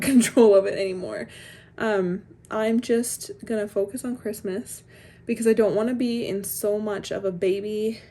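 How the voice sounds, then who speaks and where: A woman's voice: medium pitch, warm tone. A young pregnant woman talking casually to camera in a vlog, rambling with lots of fillers and little laughs. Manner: rambling, frequent "like" fillers, laughs between phrases. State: heavily pregnant. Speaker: vlogger.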